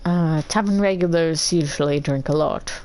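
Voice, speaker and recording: A woman's voice: low-pitched, moderate pace, a little mellow, lightly acted. A woman putting on a pleading tavern keeper's accent. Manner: put-on accent she cannot place; defensive, hesitant excuses. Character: struggling middle-aged male tavern keeper, pleading.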